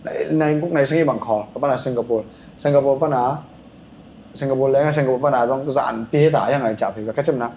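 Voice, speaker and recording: A man talks at a quick clip as a podcast guest, spinning loose, rambling stories full of filler sounds. His voice bounces around an echoey room, with a faint ambient hum underneath. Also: mid-range voice, a little mellow. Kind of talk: casual podcast chat.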